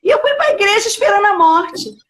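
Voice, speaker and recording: A middle-aged woman pastor, sharing a heartfelt personal testimony in a casual chat and at times rising almost to a shout. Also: very high voice, expressive, fairly quick. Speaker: pastor hosting a live show.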